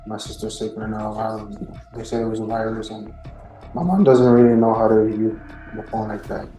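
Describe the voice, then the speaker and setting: Fields: Sex: man. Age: 20s. Role: defendant. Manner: quiet, halting, hesitant. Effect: courtroom recording. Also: on the low side, fairly even intonation, reverberant, faint music behind, poor audio. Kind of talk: courtroom testimony.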